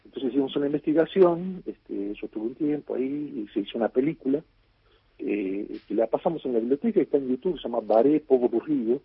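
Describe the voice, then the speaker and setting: Over a tinny, phone-like line with no room sound, an Argentine guest writer fields radio questions, wandering off with many fillers and false starts. His voice is medium-pitched, husky, expressive, and a little quick.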